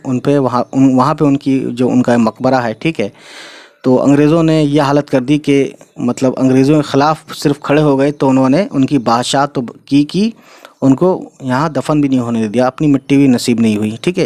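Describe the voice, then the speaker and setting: A man's voice: mid-range voice, darkish tone, dry recording. A man patiently teaching Urdu letters step by step in an explanatory lesson, often checking in with the listener.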